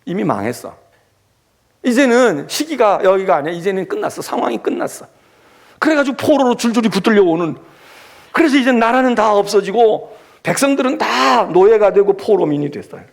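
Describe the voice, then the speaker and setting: A male pastor preaching with a slightly high, gravelly voice that swings widely in pitch. He asks his listeners question after question. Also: brisk. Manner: animated, acts out scolding and comforting voices; asks the congregation rhetorical questions. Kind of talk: sermon.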